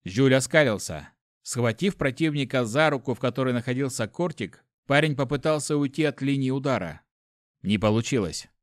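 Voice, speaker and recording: A man reading a first-person adventure story aloud in a steady storytelling voice. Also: medium pitch, normal speed, no echo, clean studio sound. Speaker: audiobook narrator. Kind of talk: first-person fiction narration.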